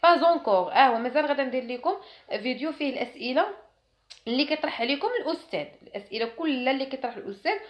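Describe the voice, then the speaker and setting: A woman with a Moroccan accent teaching French classroom phrases, explaining in Arabic and saying the French phrases slowly and carefully. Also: sits high.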